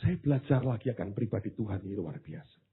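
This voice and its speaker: A man preaching a sermon, swinging from hushed asides to loud exclamations, with casual slang jokes. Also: on the low side, lively intonation, fast, husky. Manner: drops into casual Javanese-flavoured slang for humour. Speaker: pastor. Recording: tinny phone-like sound.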